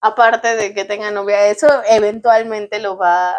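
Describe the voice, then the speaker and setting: A young woman with a Mexican accent co-hosting a casual chat, telling stories in a relaxed way and laughing often. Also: medium pitch, unhurried. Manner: relaxed conversational storyteller with frequent laughter. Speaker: podcast co-host.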